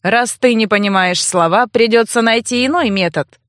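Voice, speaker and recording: A woman reading an audiobook, voicing a stern young nobleman with a low, curt, sneering delivery. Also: moderate pace, dry recording, clean studio sound, natural voice. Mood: cold mocking. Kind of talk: audiobook character voice.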